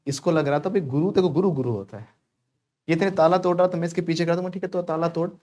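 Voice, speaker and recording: Fairly high-pitched and a little mellow, this man talks fast. He teaches spoken English in Hindi to a class in India, joking and prompting students to say English phrases back to him.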